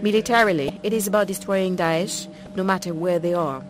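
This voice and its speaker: A woman interpreter giving a formal translation voice-over of a leader's statement in measured, clipped phrases. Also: on the low side, noisy background. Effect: simultaneous translation voice-over of a speech.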